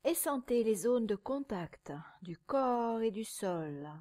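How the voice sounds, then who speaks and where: Leading a guided yoga nidra meditation, this woman speaks softly in a fairly high voice that is sometimes breathy. She stays calm and soothing, pacing herself with pauses between brief phrases.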